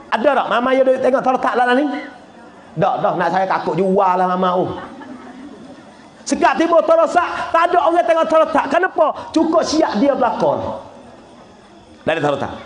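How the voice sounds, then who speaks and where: A religious teacher with a high voice gives a joking lecture, laughing often and breaking into shouts. His voice rings in an echoey room over a faint background hiss. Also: sing-song, normal speed, pauses often, a faint crowd.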